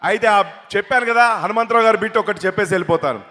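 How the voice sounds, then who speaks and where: A man's voice: high voice, racing, sharp tone, a little hiss or hum. A man doing stand-up comedy on stage, telling chatty jokes at a mic. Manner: chatty storytelling. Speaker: comedian and mimicry artist. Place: stage in a hall. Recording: echoey hall over stage PA.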